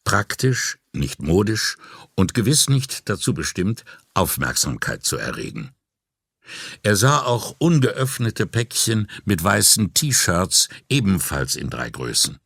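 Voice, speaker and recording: A man with a deep, low voice reads an audiobook crime story in a measured, calm way. The recording is dry and close, made in a studio booth. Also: creaky, slightly rough, dry recording. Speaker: audiobook narrator. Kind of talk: scripted narration.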